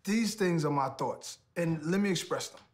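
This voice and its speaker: A man's voice: a little high, animated, normal speed. A man who raps, chatting casually in a laid-back, easygoing way. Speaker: rapper. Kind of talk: casual conversation.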